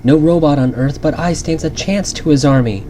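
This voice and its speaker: Man putting on an earnest young robot hero, pitched up. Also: moderate pace, warm tone, a little hiss or hum, lightly acted. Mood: resolute.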